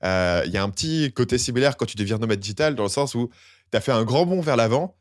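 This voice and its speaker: A man's voice: medium pitch, expressive, fast, dry recording, clean studio sound. A young man hosting a podcast, chatting casually with lots of slang and acting out quoted complaints. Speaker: podcast host.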